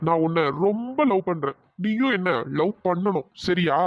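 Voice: medium pitch, expressive, moderate pace, close to an everyday voice. A performer doing a pushy young cartoon romeo. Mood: bossy. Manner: bossy and threatening, then pleading. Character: brash young man pushing a girl for her number. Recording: dull lo-fi voice track.

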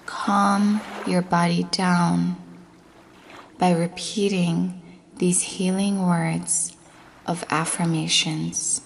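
This woman's voice is fairly low and her delivery flat, with a little hiss or hum in the audio. She leads a guided meditation with affirmations, slow and soothing, occasionally breathy and close to a whisper.

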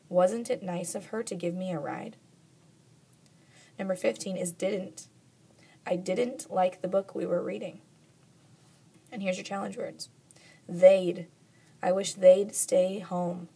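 A young woman teacher reading out a spelling test in a measured, matter-of-fact way, dictating numbered words with example sentences. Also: lowish voice, dark tone, husky. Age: young adult. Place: school classroom, indoors.

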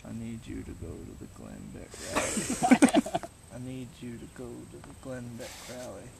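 Young guy doing a slow-talking rambling hillbilly, distant mic, loud outdoor noise. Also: medium pitch, huge pitch swings, creaky, pitched below the performer's own voice, heavily acted. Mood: dying, silly. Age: young adult. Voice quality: drawling hillbilly put-on voice. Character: hick old male mountain man, rambling, dim. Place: outdoors in woods.

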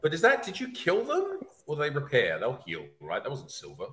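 A man in his thirties bantering casually and excitably on a gaming livestream, in slangy speech. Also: a little high, moderate pace, a loud crowd. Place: small room at home. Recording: clear background noise.

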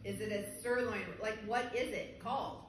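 A woman's voice: on the high side, steady tone, moderate pace. A woman asking questions in a casual domestic conversation. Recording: very echoey, distant, faint noise.

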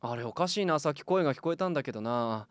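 A friendly, lonely little boy in hospital, acted by a man for a tabletop game. The voice lifts high and lively, with childlike simple phrasing. It is recorded close and dry. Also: quick pace, no room sound, lightly acted. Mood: friendly, eager. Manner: calling out and chatting in simple childlike words. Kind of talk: tabletop role-play. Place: small padded studio room. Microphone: close studio microphone on boom arm.

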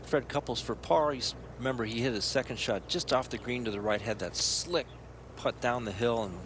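Male golf commentator over clear outdoor noise. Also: mid-range voice, moderate pace. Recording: clearly noisy outdoor broadcast.

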